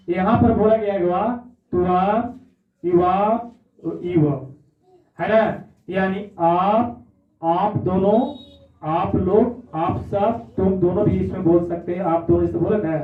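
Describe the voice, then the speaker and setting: Male teacher, echoey and tinny. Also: sits high. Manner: repetitive, checks in with "है ना?". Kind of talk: classroom lesson. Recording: echoey, far-off, phone-like audio.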